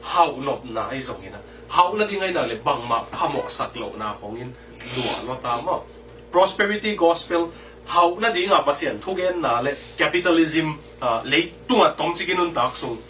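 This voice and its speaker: Male preacher, sermon, bright forceful voice, distant mic, faint room noise. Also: fairly high pitch, lively intonation, normal speed.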